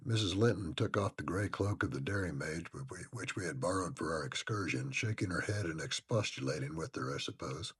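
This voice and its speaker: A man giving an expressive first-person dramatic reading of a classic novel. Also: deep voice, a little fast, hardly any pauses, breathy edge. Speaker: audiobook reader.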